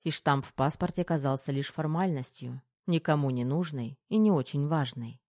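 An audiobook narrator with a mellow, warm tone reads a novel evenly and without hurry. The voice sits close and dry, with no room around it. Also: mid-range voice, moderate pace, dry recording. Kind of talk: scripted narration.

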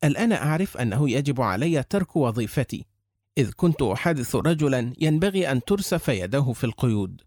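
A man's voice: mid-range voice, sing-song, fairly quick, darkish tone, no echo. A man voicing an indignant nine-year-old boy who pleads and accuses, close to tears, in an audiobook. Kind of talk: audiobook character reading.

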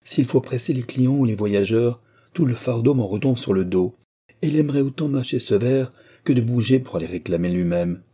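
A man voicing an angry middle-aged innkeeper's wife who scolds in a raised, shrill voice in an audiobook reading. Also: moderate pace, dark tone, slightly rough, lightly acted. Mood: scolding.

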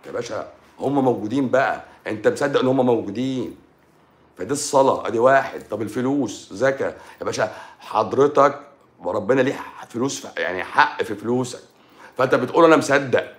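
Egyptian man, mid-pitched and quick, rhetorical monologue, repeats himself for emphasis. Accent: Egyptian Arabic. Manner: rhetorical, quotes imagined dialogue, keeps addressing the listener as "pasha". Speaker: speaker on religious philosophy. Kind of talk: informal spoken monologue.

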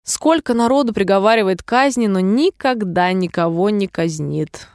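A woman's voice: medium pitch, animated, moderate pace, a little mellow, no echo, clean studio sound, lightly acted. A woman voicing a lazy, grumbling male gryphon in a storybook reading, mocking and complaining.

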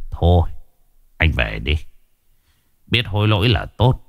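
A man voicing a stern, wise older village man who gives grave, measured warnings in a ghost story. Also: sits low, sing-song, creaky, dry recording, clean studio sound, heavily acted. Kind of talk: storybook ghost tale voice acting.

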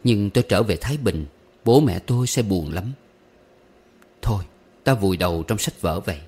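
A man narrating a short story as an audiobook, wistful and gently humorous, slipping into recited verse. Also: fairly low pitch, lively intonation, moderate pace, husky.

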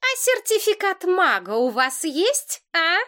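A woman reading voices a brash young woman, shouting in shrill indignation for a storybook scene. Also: very animated, takes it slowly, heavily acted. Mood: suspicious. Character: brash young woman staging a loud market scandal.

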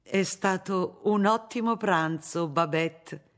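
Martina, a gentle old pious spinster, as the reader voices her. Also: mid-range voice, slow pace, faint music behind, pitched above the performer's own voice. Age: older. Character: elderly pious spinster sister, gentle and kind.

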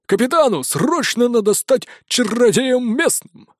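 A cocky hundred-year-old pirate parrot, screeching up very high and swooping wildly in pitch. He brags and squawks his way through every line, on a dry, close recording. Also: expressive, measured pace, no echo. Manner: brash, boastful, squawking. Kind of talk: audiobook character voice.

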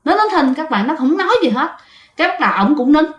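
A woman's voice: high-pitched, very animated, quick pace, muffled recording. A woman telling a ghost story casually, chatting to her listeners and often restarting her sentences. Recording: roomy echo.

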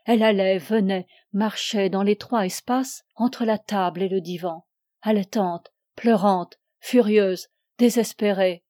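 Female audiobook narrator, literary reading, warm dark tone. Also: mid-range voice, unhurried, dry recording, clean studio sound. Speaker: audiobook reader.

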